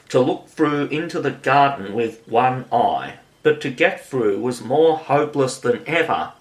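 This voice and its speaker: Male audiobook narrator, very slow, mid pitch, measured storytelling. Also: rough recording. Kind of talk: scripted narration.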